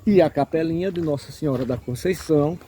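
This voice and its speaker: Briskly and in a warm tone, a man with a Northeastern Brazilian accent from Sergipe's backlands gives an off-the-cuff, didactic explanation of local history peppered with check-in tags. His voice is on the high side, and there is slight background noise.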